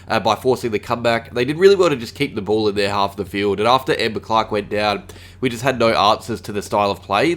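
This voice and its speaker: An Australian man with a slight cold, hosting his fan channel's solo review of a football game, with frequent "uh" fillers. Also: medium pitch. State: a little sick. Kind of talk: solo sports review vlog.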